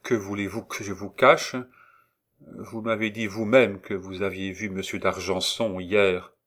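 A man's voice: on the low side, flat delivery, measured pace, fairly bright tone. A man reading a novel aloud, voicing a condemned young man in an earnest, tender way. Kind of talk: audiobook reading of a classic novel.

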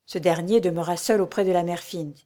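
A woman narrating a historical adventure novel aloud in a measured, even storytelling voice. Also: on the low side. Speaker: audiobook reader. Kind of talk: scripted narration.

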